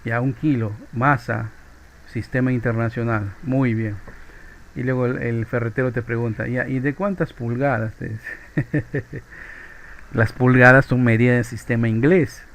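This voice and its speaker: A man's voice: medium pitch, steady tone, unhurried, slight background noise, poor audio. A man with a Peruvian accent teaching a physics class in a loose, chatty way, often ending phrases with a questioning tag. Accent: Peruvian Spanish. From Peru. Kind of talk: informal classroom lecture.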